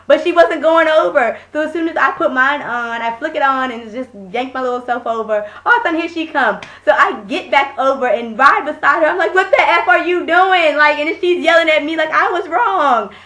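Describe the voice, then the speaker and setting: A hoarse young woman vlogging, telling a casual story in a blunt, animated way and swearing freely. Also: high-pitched, fairly quick, few pauses.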